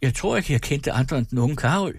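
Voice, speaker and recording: Guy putting on a weepy young wife in a radio novel reading, pleading and pitched way up, husky and dry. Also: expressive, no room sound. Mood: tearful.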